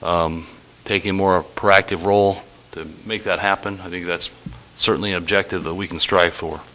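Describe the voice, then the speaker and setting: A man giving a formal slide presentation as a city staff director, in a halting, hesitant way. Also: low-pitched, fairly even intonation, sharp tone. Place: public meeting room. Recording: faintly noisy meeting room recording.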